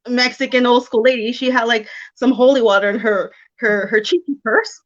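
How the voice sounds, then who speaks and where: A woman's voice: a little high, moderate pace. Chatty woman in her thirties, lo-fi. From South Texas. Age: 30s. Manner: chatty, laughs often. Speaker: guest psychic medium. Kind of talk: casual interview chat.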